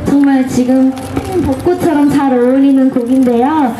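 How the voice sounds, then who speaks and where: A young woman makes a stage announcement as a group member. Her voice is high and carries with plenty of echo. Outdoor noise is clearly audible behind her. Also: normal speed, a crowd in the background. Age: young adult. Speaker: idol group member introducing songs. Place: outdoor open plaza street performance.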